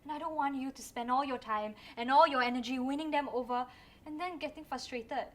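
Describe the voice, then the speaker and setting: An actress playing a calm wife gently placating her husband in a stage play. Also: sits high, a little fast. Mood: soothing. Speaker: actor in a student stage play. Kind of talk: stage acting.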